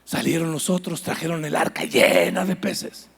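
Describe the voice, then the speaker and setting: A man's voice: fairly high pitch, big pitch swings, moderate pace, creaky, fairly bright tone, breathy edge. A man preaching a sermon, telling stories with animation and asking the listeners questions.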